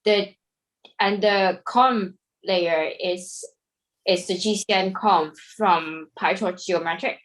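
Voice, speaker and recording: A woman's voice: medium pitch, slow pace, rough recording. A woman in an online study group patiently explaining a coding question over a video call, with casual fillers.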